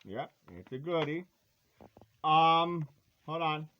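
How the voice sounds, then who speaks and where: This is a man pitching a vintage collectible through casual, wandering, stop-start chatter, playful and hammy with a folksy twang and elongated words. He speaks on the high side in a steady tone, and the sound is lo-fi.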